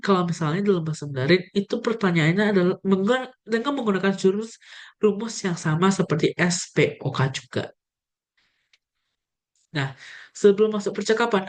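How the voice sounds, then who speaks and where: Young woman, slightly low voice; casual language teacher addressing viewers directly. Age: young adult. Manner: friendly, addresses viewers directly, demonstrates tones. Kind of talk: casual video lesson.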